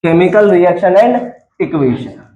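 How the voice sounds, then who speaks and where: High-voiced man teaching in echoey classroom. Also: animated, unhurried, narrow, tinny audio. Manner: chatty, coaxing, quizzes students. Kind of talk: classroom lecture.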